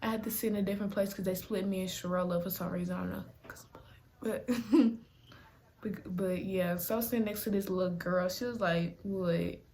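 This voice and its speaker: A young woman vlogger telling a casual storytime, animated and laughing, with dramatic whispered asides. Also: medium pitch, normal speed.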